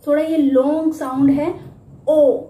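High-voiced woman teaching phonics sounds. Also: fairly even intonation, normal speed. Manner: models letter sounds loudly, drawn out. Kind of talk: spoken teaching tutorial. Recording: echoey room.

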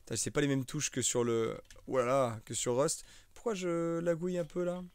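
A man's voice: mid-range voice, fairly even intonation, normal speed, darkish tone, smooth, no echo. A young man streaming a live survival game, chatting casually, joking and answering viewers in the chat. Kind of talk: live gameplay commentary.

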